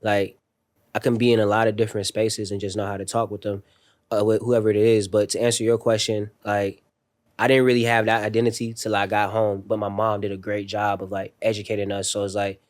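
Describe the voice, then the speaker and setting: A young man guests on a podcast, telling stories in a relaxed, slangy manner full of fillers. He grew up overseas in a military family. His voice sits fairly low, with a level tone and a brisk pace.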